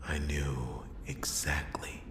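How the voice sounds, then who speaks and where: A man voicing a world-weary noir detective in a whispered role-play, brooding and halting, with dramatic pauses and a gravelly, breathy voice. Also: very deep voice, reverberant, full character voice. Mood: dawning realization. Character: world-weary male noir detective piecing together a murder.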